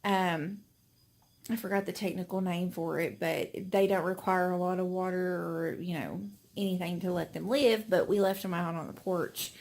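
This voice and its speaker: A woman's voice: fairly low pitch, steady tone, moderate pace, a little mellow. A young woman chatting casually to a phone camera at home, rambling with many fillers and a little out of breath. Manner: rambling, filler-heavy, friendly. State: slightly out of breath. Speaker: vlogger. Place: home indoors.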